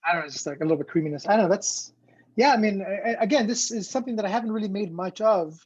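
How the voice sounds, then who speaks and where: Over dull, lo-fi video call audio with no echo, a man who grew up in Ecuador teaches an online cooking class. He rambles and fills his speech with fillers, talking very fast in a high, husky voice.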